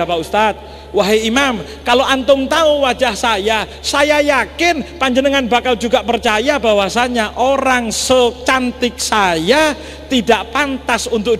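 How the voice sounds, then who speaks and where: A man's voice: very high-pitched, unhurried, fairly bright tone. A man with an East Javanese accent voicing an indignant young veiled wife who pleads and complains insistently, in an echoey mosque hall. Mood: proud.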